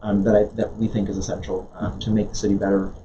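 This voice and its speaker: A man's voice: fairly low pitch, flat delivery, quick pace, dark tone. A man born in Jamaica, a guest in an interview, talking earnestly with many restarts and fillers. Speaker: guest, nonprofit leader. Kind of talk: conversational interview. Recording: dull lo-fi sound with faint noise.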